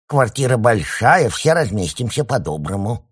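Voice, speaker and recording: A man voicing a stern old grandmother who mumbles and speaks in a hushed voice, in a storybook reading. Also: medium pitch, very animated, normal speed, slightly rough, voice pushed up. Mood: welcoming.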